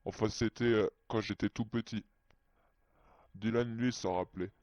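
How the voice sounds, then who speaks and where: Using a voice changer to disguise himself, a man tells a personal story in a halting, hesitant, childlike first-person way. His voice is on the low side and a little mellow, with fairly even intonation and normal speed. The recording is dry and muffled lo-fi with no room sound.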